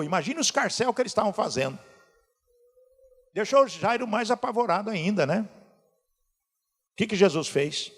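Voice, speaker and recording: A male pastor preaching a sermon, asking the congregation questions as he goes. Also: high voice. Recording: hall reverb.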